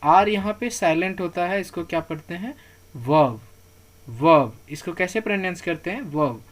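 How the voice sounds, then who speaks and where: Going through grammar terms on slides, a high-voiced man says key words slowly and repeatedly for pronunciation. He poses questions, answers them himself, and reassures learners not to worry.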